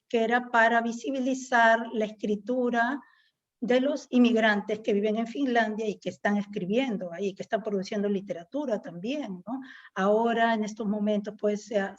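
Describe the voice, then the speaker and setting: In a lo-fi recording, a middle-aged woman from Peru talks thoughtfully as a guest poet in a conversational interview. Her slightly high voice carries a Peruvian Spanish accent, and she leans on "este" as a filler while tagging many remarks with "¿no?"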